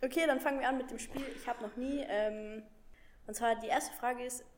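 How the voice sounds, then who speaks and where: A woman's voice: a little high, steady tone, fairly quick, a little hiss or hum. A young woman conducting an informal school interview, asking questions hesitantly with many fillers.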